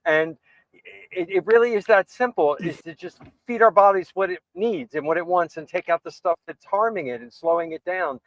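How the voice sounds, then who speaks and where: A man's voice: high-pitched, normal speed, no echo. A man hosting a casual chat, earnestly agreeing with his guest and building on the points. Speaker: host. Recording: dry, dull lo-fi sound.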